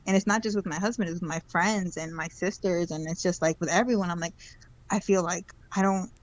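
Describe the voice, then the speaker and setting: A woman's voice: fairly low pitch, steady tone, brisk, slight background noise, rough recording. A woman in her twenties, a podcast guest, speaking reflectively and hesitantly, with many ums and restarts. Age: 20s. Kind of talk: casual conversational interview.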